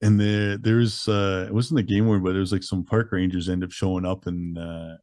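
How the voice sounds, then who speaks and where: A man's voice: low-pitched, flat delivery, normal speed, darkish tone. A man in his thirties from Canada, a guest telling his story in a casual, laid-back way and chuckling through grim details. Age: 30s.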